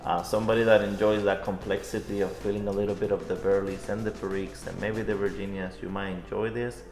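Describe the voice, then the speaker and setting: Casting: male reviewer, low-pitched with vocal fry, casual co-host chat, echoey room with music behind. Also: flat delivery, fast, darkish tone. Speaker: co-host of a pipe tobacco review.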